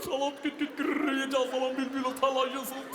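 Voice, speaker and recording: An exuberant chanter, as a male comedian puts him on belts out rhythmic mock-foreign gibberish in a strikingly high, sing-song voice. The performance is recorded live on a stage, with a long hall reverb and clear background noise. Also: monotone, quick pace.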